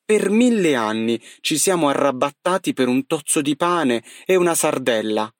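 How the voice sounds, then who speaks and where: A man's voice: mid-range voice, slow pace, no room sound, studio quality, close to an everyday voice. A man voicing a defiant young male seagull who pleads with his flock in a rising, impassioned voice, in a storybook reading.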